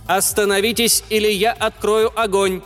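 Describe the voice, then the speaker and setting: A man voicing a booming, metallic old robot guard in a rigid monotone for an audiobook. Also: moderate pace. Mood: threatening. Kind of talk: audiobook reading. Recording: long reverb with faint music.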